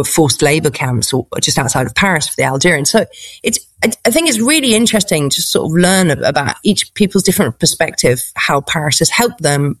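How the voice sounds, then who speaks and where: A posh English RP woman from England, a stand-up comedian appearing as an interview guest, has a deep voice captured in a dry recording. She answers questions conversationally, thinking aloud in a reflective, hesitant way as she searches for her words.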